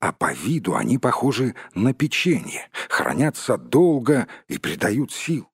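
A man narrating a storybook in a steady storytelling manner with a husky voice, at times addressing the listener. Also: mid-range voice, unhurried, no room sound, studio quality. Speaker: audiobook narrator. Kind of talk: scripted narration.

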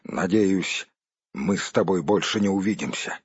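A man's voice: on the high side, slow pace, breathy edge, no room sound. A man doing a haughty raging dwarf king. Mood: grim. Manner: haughty, roaring and grim. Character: proud furious male dwarf king. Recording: dull dry recording.

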